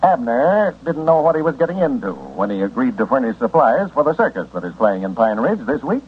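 A man working as a radio announcer, giving a folksy, upbeat sponsor pitch and scene-setting narration on an old-time radio show. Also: big pitch swings, fairly quick. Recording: scratchy, muffled old-time radio broadcast.

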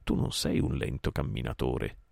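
A man voicing a proud male panther who speaks firmly and commandingly, a little above his usual pitch. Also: moderate pace, gravelly, darkish tone, dry recording, studio quality, heavily acted.

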